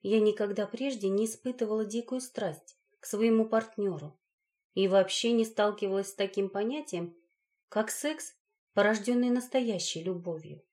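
A woman's voice: medium pitch, normal speed, a little mellow. A woman narrating a first-person story as an audiobook, reading expressively.

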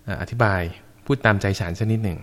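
A Buddhist monk co-hosting a casual dharma talk, explaining monastic rules with lively acted-out quotes. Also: male voice, lowish voice, fast talker. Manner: animated, acts out callers in quoted voices. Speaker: Buddhist monk, podcast co-host. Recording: long hall reverb.

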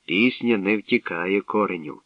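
A man voicing a wise old bard who speaks in measured, sage-like sayings, in a tinny, distant radio recording. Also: low-pitched, dry recording. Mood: grave. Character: wise old male bard, calm and sly.

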